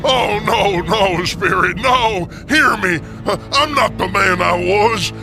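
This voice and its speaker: A man's voice: sits high, slow pace, gravelly, music in the background, voice pushed up, heavily acted. A man playing Scrooge, an overwrought old miser, in emphatic radio theater style. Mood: terrified pleading. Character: old miser Scrooge, pleading in terror, then giddily repentant.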